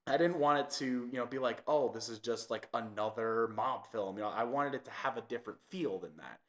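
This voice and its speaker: A man's voice: mid-range voice, a little fast, fairly bright tone. A young man hosting a podcast, chatting casually with lots of fillers. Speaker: podcast host. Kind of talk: casual chat.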